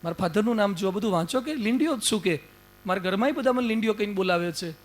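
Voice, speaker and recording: A man voicing a timid young male lion cub who was raised as a sheep. The cub whines and makes excuses in a soft voice. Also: sits high, expressive, quick pace. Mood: insistent. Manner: meek, whiny, making excuses.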